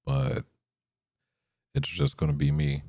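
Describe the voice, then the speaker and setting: A young man hosting his own podcast, rambling unscripted in a monotone with lots of fillers. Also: very deep voice, takes it slowly, no echo, studio quality. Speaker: podcast host.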